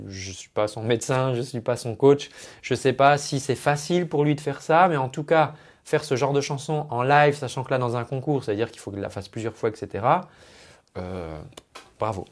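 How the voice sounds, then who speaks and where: A medium-pitched male vocal coach talks at a moderate pace into his computer microphone. His chatty breakdown of a singer's technique is explanatory and peppered with singing terms.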